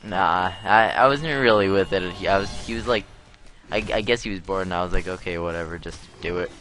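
A man's voice: low-pitched, fairly quick, fairly bright tone, a little hiss or hum. A teenage boy casually commenting on his gameplay, playful and taunting, with music under his voice. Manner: playful, taunting, trash-talks game enemies.

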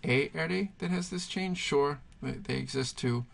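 A man's voice: mid-range voice, measured pace, creaky. A man teaching Spanish verb conjugations, patiently thinking aloud and pointing things out as he writes. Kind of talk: explaining grammar at a whiteboard.

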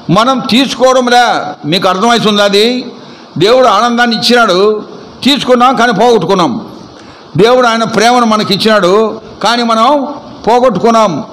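A man's voice: high voice, fairly bright tone, low-quality recording. A male pastor preaching a sermon at a church service. He is emphatic and keeps quizzing the congregation with repeated questions.

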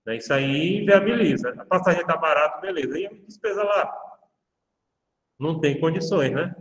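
A man's voice: a little high, lively intonation, normal speed. A man with a Brazilian Portuguese accent, a law professor giving a university lecture and speaking straight to his students in a chatty way. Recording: reverberant room, voice far from the mic.

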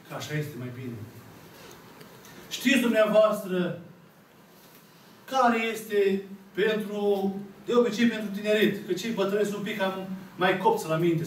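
A Romanian-accented Orthodox priest in his thirties, voice high for a man, gives a slow, emphatic sermon retelling a parable, with long pauses. The congregation is seated in a small, icon-filled church, and a camera at the back records him from a distance amid echo and faint room noise.

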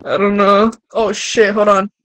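A woman's voice: medium pitch, little pitch movement, unhurried, noisy background. A young woman co-playing a horror game on a live stream, swearing, yelping and laughing as she plays. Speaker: co-player. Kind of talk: live-stream gaming chat.

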